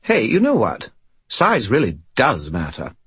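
A man voicing a cheeky, smug spirit that lives in a skull, perky and quick in an audiobook reading. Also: lowish voice, very animated, slightly rough, no room sound, pitched above the performer's own voice. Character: chatty, smug male spirit living in a skull.

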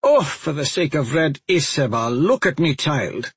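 A man voicing a stern, scornful older witch who speaks in a cold, imperious, impatient way, with a husky voice in a dry recording. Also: on the high side, very animated, unhurried, no echo, voice pushed up, full character voice.

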